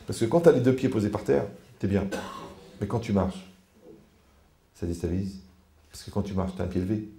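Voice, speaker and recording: A man, a rabbi, giving a lively conversational Torah lecture, animated and teasing as he acts out little dialogues. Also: on the low side, vocal fry, roomy sound.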